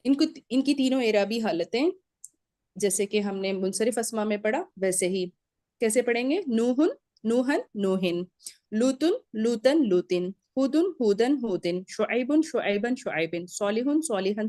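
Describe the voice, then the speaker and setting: A woman with a mellow, darker tone teaches a recorded Arabic grammar lecture. She explains step by step, drills word endings aloud and checks in often with short confirmations. Her voice sounds close and dry, with no room echo. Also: a little high, lively intonation, a little slow.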